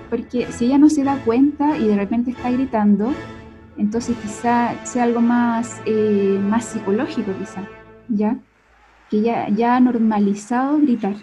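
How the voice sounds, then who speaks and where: On a dull lo-fi recording with faint background music, a young Chilean woman with a slightly high voice gives a speech therapy lesson. Her manner is conversational, and she regularly checks in with listeners by adding "ya?" or "cierto?" to her sentences.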